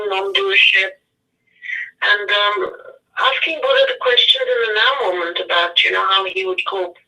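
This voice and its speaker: A woman's voice: lowish voice, creaky, sharp tone, far from the mic, rough recording. A woman from India, a spiritual author and radio guest, talking in an earnest, meandering way and often correcting herself mid-sentence. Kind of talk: casual radio interview.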